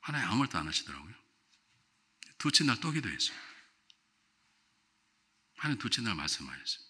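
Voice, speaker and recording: An older male revival preacher with a lively, animated voice that swings from loud, ringing exclamations to quiet storytelling. His tone is bright and forceful, and he sits low in pitch. He keeps putting questions to the congregation. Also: a little fast, husky. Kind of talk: revival sermon. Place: church sanctuary.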